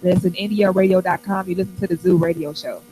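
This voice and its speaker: A man hosting an internet radio show, chatting casually in animated, slangy banter. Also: high-pitched, quick pace, soft background music, poor audio. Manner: animated, slangy, talks over others.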